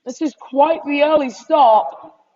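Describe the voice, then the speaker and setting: A woman's voice: high-pitched, slow pace, warm tone, no room sound. A woman giving live race commentary as a motorsport commentator, with a voice that rises as she calls the action. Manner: motorsport commentator calling action, voice rising on incidents. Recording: dull lo-fi microphone.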